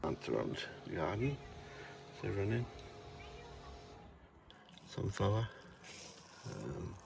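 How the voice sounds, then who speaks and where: Male hobbyist demonstrator, low and creaky, matter-of-fact and casual, recorded amid ambient noise. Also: sing-song, takes it slowly. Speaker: hobbyist demonstrating a homemade gadget. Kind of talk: casual hands-on demonstration commentary. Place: shed and garden, partly outdoors.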